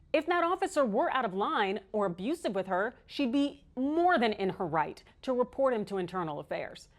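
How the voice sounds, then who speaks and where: Female American host for opinion news, slightly high voice, very animated intonation, emphatic and sardonic. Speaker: online news show host. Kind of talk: scripted opinion commentary.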